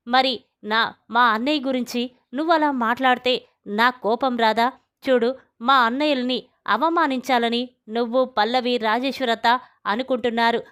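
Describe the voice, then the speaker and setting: Brief: an indignant, accusing young woman, read by a woman narrator, smooth and high. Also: fairly bright tone, lightly acted. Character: fierce young woman standing up for her brothers.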